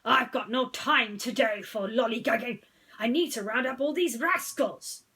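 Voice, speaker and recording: A woman's voice: on the high side, moderate pace, sharp tone, slightly rough, full character voice. A woman voicing a busy, stern sheriff car in a bedtime story, brusque and exclaiming. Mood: harried, stern.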